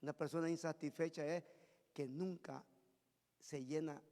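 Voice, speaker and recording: A man preaching a Pentecostal sermon as pastor in a church sanctuary. He swings between booming shouts and low, intense murmurs. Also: fairly even intonation, normal speed. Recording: long reverb of a church hall.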